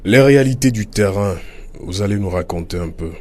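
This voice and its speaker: Deep-voiced radio host. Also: male voice. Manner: energetic announcer, halting with fillers. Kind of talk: radio interview.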